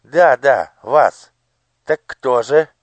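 A querulous old palace ceremony master with a high, quavering voice that goes shrill and loud when he barks orders, as a man reads him in an audiobook. He blusters and fusses, and the voice is dry and close. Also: lively intonation, extremely slow, no echo. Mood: blustering. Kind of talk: audiobook character voice.

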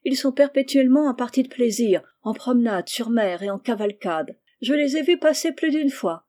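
A woman's voice: fairly high pitch, normal speed, pitched above the performer's own voice, natural voice. A woman voicing a cheerful, sensible young servant girl in an audiobook reading, with an encouraging manner. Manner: encouraging, lively.

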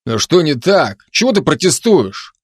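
A man's voice: a little high, sing-song, a little slow, breathy edge, dry recording, pitched above the performer's own voice, heavily acted. A man voicing a wry, grumbling male constable who bickers sarcastically with a cat in an audiobook. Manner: dry, sardonic, chatty banter with a cat.

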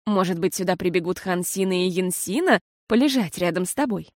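A woman voicing a patient, tired mother who talks slowly and soothingly. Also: fairly low pitch, lively intonation, no echo, clean studio sound, natural voice. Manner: slow and soothing.

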